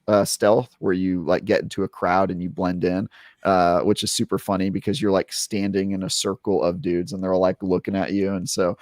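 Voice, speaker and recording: A young adult man chats on a gaming podcast in a low voice, and the close mic gives it a dry, intimate sound. He rambles happily, doubling back on his words and leaning on fillers as he works up to the good parts. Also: normal speed, no room sound. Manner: rambling, filler-heavy, animated retelling. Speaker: podcast co-host, game reviewer. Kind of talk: casual podcast chat.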